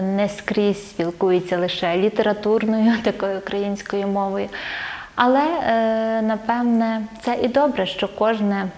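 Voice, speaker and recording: A woman's voice: mid-range voice, darkish tone. A woman who teaches language and literature, speaking as an interview guest. She explains things step by step, with many filler sounds and light laughs between phrases.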